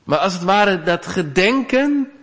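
A man preaching a sermon, earnest, rising to loud pleas and dropping to quiet asides. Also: high-pitched, lively intonation, a little slow. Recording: long church reverb.

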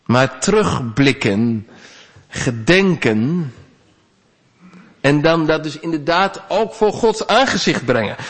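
A man preaching a sermon, earnest, rising to loud pleas and dropping to quiet asides. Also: fairly high pitch, expressive, takes it slowly, pauses often. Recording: long church reverb.

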